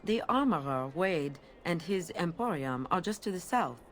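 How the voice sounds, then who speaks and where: An actress plays a genteel game merchant, a woman with a French accent and a low voice. She is courteous and a little wistful, with faint noise behind her. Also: lively intonation, moderate pace, lightly acted. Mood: inviting, courteous. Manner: courteous, formal phrasing with gentle tag questions. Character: genteel Orlesian flower-seller woman, courteous, wistful émigré. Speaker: market merchant. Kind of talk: video game character dialogue.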